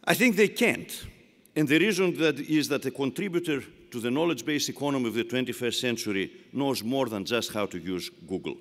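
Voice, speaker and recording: An older man with a Greek accent gives a formal commencement speech in a large arena, his mid-range voice echoing with reverb. He speaks expressively and a little fast, rhetorical and emphatic, repeating phrases for effect.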